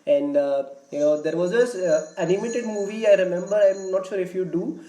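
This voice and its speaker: A man's voice: sits high, normal speed, dark tone. A man, chatting nostalgically on a video call with lots of fillers. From North Karnataka, India. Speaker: panel guest. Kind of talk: casual group conversation. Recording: echoey room with noise behind.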